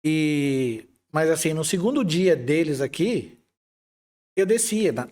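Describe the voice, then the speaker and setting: A man with a Brazilian Portuguese accent, an IT manager interviewed as a guest, telling stories in a relaxed way with some hesitant restarts. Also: on the high side, takes it slowly. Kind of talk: conversational interview.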